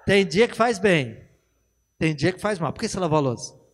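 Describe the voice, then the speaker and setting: A man's voice: high-pitched, expressive, normal speed, big-room sound. A Brazilian man preaching a conversational sermon to a congregation, bantering with people by name and acting out little dialogues. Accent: Brazilian Portuguese. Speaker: pastor. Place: church hall.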